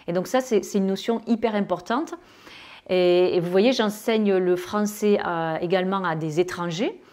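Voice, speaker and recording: French speakers get an English pronunciation lesson from a woman whose accent is southern French. She draws out her English examples and hesitates often with fillers and pauses, her mid-range voice carrying a darkish tone.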